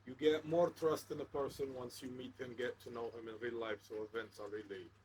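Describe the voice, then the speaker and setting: A man speaking as a podcast guest, calm and plain-spoken. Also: medium pitch, brisk, rough recording. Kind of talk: casual chat.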